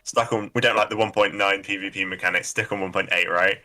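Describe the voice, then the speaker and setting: A man appearing as a guest on a podcast, chatting casually with a relaxed, wry manner. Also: low voice, quick pace.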